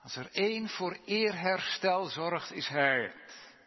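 A man's voice: high voice, lively intonation, slow pace. A man preaching a sermon in a church, rising with emphasis on quoted psalm lines. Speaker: pastor. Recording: dull sound, long church reverb.

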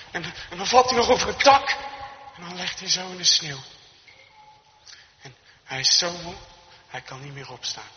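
A man's voice: a little high, bright, forceful tone. A man telling a Christmas story off the cuff, often repeating words as he goes. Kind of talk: improvised storytelling. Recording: echoey hall, dull lo-fi recording.

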